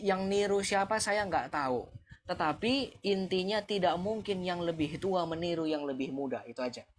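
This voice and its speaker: A man's voice: on the high side, slight background noise. Man taunting viewers on a live stream. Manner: taunting, challenging with rhetorical questions; chuckles mockingly between points.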